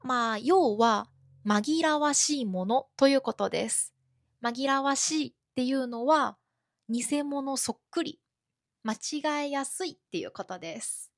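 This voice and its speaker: Slow, clear-spoken woman teacher. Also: high-pitched, no echo, studio quality. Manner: slow, deliberate explaining with examples. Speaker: Japanese teacher. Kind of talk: podcast lesson for learners.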